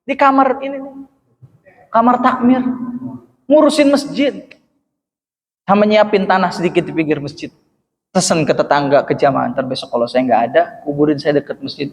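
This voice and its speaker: A fairly high-voiced man preaches in a mosque, telling a moral story. He drops to hushed, slow phrases and then leaps up into loud exclaims. A long reverb from the hall trails every phrase. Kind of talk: mosque sermon.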